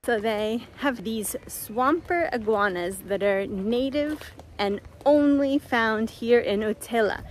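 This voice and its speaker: A woman's voice: a little high, slow pace, few pauses, slight background noise, rough recording. A middle-aged woman narrating a travel vlog in a chatty, upbeat way, explaining as she goes. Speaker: travel vlogger.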